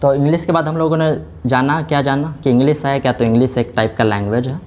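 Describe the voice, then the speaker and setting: Speaking quickly in a mid-range, slightly mellow voice with fairly even intonation, a man teaches a class. He breaks the lesson into steps, keeps dropping "theek hai," and asks questions only to answer them himself.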